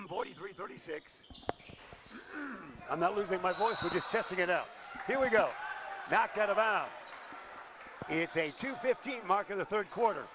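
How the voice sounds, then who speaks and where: An older man calling high school basketball play-by-play with rapid, excited calls and chatty asides in a school gym. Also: noisy background. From Illinois. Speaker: play-by-play announcer.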